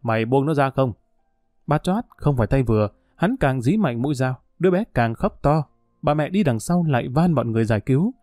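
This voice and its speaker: A man's voice: mid-range voice, animated, fairly quick, a little mellow, no echo. Brief: male storyteller, dramatic audiobook read, dry close mic, faint music behind. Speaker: narrator.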